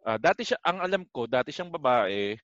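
A man co-hosting a casual chat, animated and joking, swearing casually. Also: mid-range voice, brisk, dry recording, dull audio.

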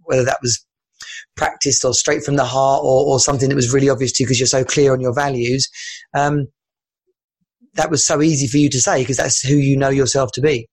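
A man's voice: medium pitch, steady tone, brisk, husky. A man hosting a podcast, agreeable and rambling, often restarting his sentences. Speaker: podcast host. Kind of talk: casual podcast chat.

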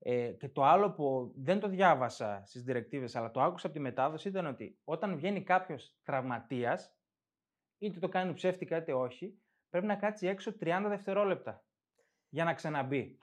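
Male co-host, calm explainer in relaxed banter, voice a little high. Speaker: podcast co-host. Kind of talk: casual football chat.

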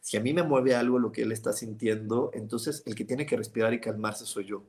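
Calm Mexican man giving advice. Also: fairly low pitch, fairly quick. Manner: calm and explanatory, with frequent repetitions and restarts. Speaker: host of a live advice program; reader giving private readings. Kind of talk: reflective advice talk, reading viewer comments.

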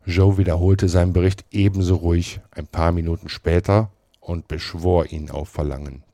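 A man reading a classic novel aloud in a measured, expressive storytelling manner. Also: low-pitched, no echo. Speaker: storybook reader.

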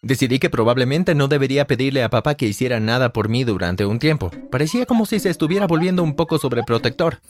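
A man narrating a first-person story in a plain, brisk storytelling manner. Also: mid-range voice. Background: soft music.

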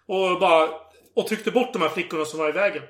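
Chatting casually, a man recounts a story with lots of energy, eager to perform each line of dialogue himself. His voice is high, and the room adds a noticeable echo.

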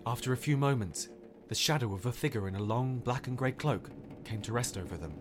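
A man who hosts a podcast, calmly narrating a fairy tale in a measured storytelling voice. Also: medium pitch, noisy background. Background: music.

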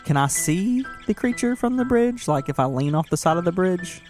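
A woman's voice: fairly low pitch, animated, normal speed, darkish tone, soft background music. A woman playing a tabletop role-playing game, talking casually as she describes her character's moves. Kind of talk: casual role-play chat. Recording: echoey room.

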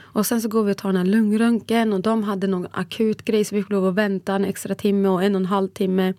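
A woman co-hosting a podcast, retelling events in a lively, casual way and often acting out what others said. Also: medium pitch, no echo. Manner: animated retelling, often acting out quoted lines. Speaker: podcast co-host. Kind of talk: casual storytelling chat.

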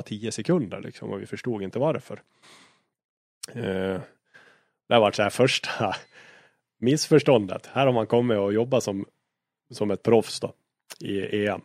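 A man with a fairly low voice spins rally anecdotes in an easygoing interview. He talks as a co-driver, swears freely and acts out old arguments. The sound is close and dry, with almost no room in it. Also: gravelly, dry recording. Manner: lively storyteller, swears freely, acts out quarrels. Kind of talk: casual anecdote telling in an interview.

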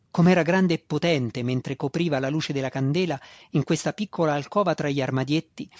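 A man giving a steady, measured audiobook narration, on a dull, dry recording. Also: fairly high pitch, dry recording.

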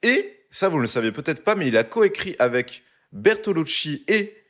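Very animated, with a slightly high, fairly bright voice at a moderate pace, a young podcast co-host jokes his way through a story for his segment. The chat is casual and his delivery loose and full of fillers.

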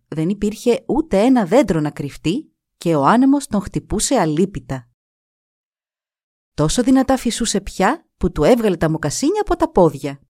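A woman narrating a folk tale in an expressive, measured way. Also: on the low side, no room sound, clean studio sound. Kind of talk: storytelling.

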